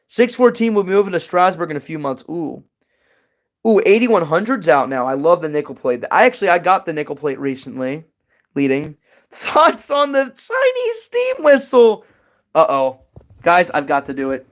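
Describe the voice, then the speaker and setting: A young man hosts a casual livestream Q&A, reading chat questions aloud and rambling through his answers. His voice sits a little on the high side. He fills pauses with "um" and "like," then jumps into quick, excited bursts. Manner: rambling and chatty, many fillers, excited bursts.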